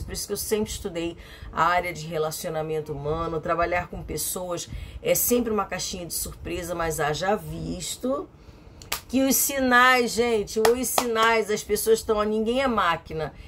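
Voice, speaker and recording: A woman's voice: fairly low pitch, a bit bright, a little hiss or hum. A middle-aged woman from Brazil talking to her viewers in a chatty, emphatic vlog monologue, repeating phrases for effect. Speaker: vlogger.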